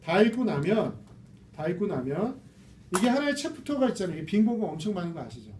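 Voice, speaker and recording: High-voiced man lecturing a small class. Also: big pitch swings, quick pace, darkish tone. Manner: chatty, asks the class rhetorical questions. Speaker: reading lecturer. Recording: roomy, distant mic with faint noise.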